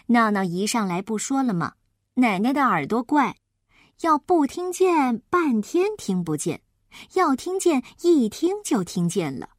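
A woman reading a children's story aloud in an expressive way. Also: fairly high pitch, no echo, studio quality. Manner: slow, lively, expressive.

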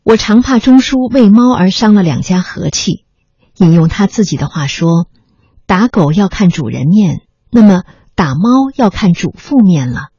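A narrator calmly reading a memoir aloud, in a measured storytelling manner. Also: medium pitch, husky, no echo. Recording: slightly muffled recording with faint music.

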